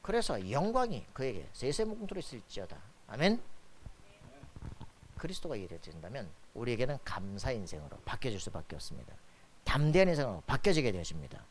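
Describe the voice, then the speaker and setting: A pastor preaching a sermon, firing questions at the congregation and pressing for their answers. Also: male voice, medium pitch, huge pitch swings, fairly quick, a little hiss or hum. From Korea. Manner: call-and-response questions to the congregation, emphatic. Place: church sanctuary.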